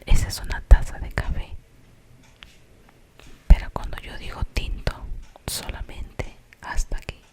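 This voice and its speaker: A storyteller with a Colombian accent whispers an ASMR tale in a hushed, slow, suspenseful manner, pausing for explanatory asides.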